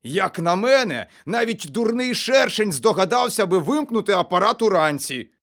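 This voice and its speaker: A man voicing an excitable, teasing male inventor in a storybook, boisterous and proud of his gadget. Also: high voice, normal speed, voice pushed up, full character voice. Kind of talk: storybook character voice.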